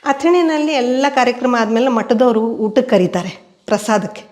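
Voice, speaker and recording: A woman's voice: fairly high pitch, moderate pace. Older woman telling family stories. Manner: steady storyteller who voices quoted people. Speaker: interviewee. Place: indoors at home.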